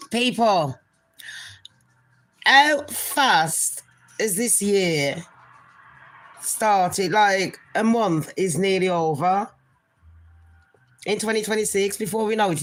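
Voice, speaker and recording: A woman with a nasal, medium-pitched voice hosts a relaxed gossip livestream, speaking slowly and expressively with frequent pauses. Her chat rambles, and she addresses viewers as people and darlings.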